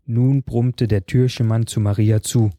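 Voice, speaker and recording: Calm male fairy-tale reader, dark tone, dry studio sound. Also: mid-range voice, unhurried, dry recording. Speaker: storyteller.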